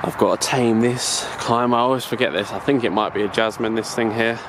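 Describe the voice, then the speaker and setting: With a mid-range voice and a slightly fast delivery, this man films himself walking around his allotment outdoors on a handheld camera. As an allotment vlogger, he narrates casually, rambling, chatting and correcting himself, while steady background noise runs under the camera audio.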